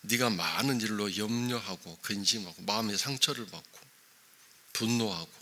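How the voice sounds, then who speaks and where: A man's voice: lowish voice, moderate pace, pushed and bright. A man preaching a dawn sermon in a church, asking the congregation emphatic rhetorical questions. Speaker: pastor. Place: church, early morning service.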